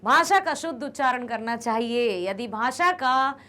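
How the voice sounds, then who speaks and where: A woman teaching a grammar lesson, explaining patiently and repeating each word slowly. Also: fairly high pitch, lively intonation, sharp tone.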